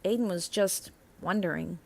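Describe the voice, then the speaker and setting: Narrating a children's picture book, a woman speaks at a moderate pace in a lowish, creaky voice. Her phrasing is expressive and emphatic, and she stretches the main words.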